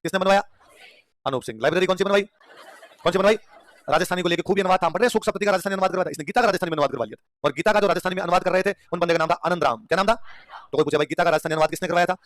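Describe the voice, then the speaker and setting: A man's voice: high voice, rapid-fire, fairly bright tone, dry recording, studio quality. A man teaching an exam revision lecture, firing questions at the class and repeating them, with laughter between points. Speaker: history teacher.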